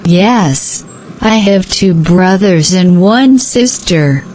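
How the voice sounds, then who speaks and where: A woman giving slow, scripted answers in a repeated language-practice dialogue. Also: on the low side, expressive, darkish tone, slight background noise, rough recording.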